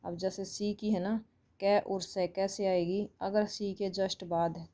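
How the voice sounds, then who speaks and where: A woman's voice: medium pitch, little pitch movement, takes it slowly, mellow. A woman with an Indian accent teaching English phonics online, explaining patiently and repeating each sound.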